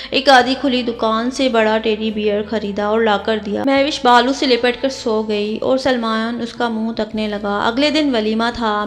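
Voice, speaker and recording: Woman narrator, slightly high voice, reverberant hall sound, steady read of a novel.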